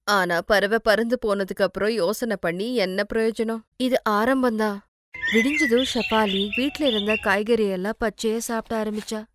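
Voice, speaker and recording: A woman telling a cartoon moral story in steady scripted narration. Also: mid-range voice, normal speed.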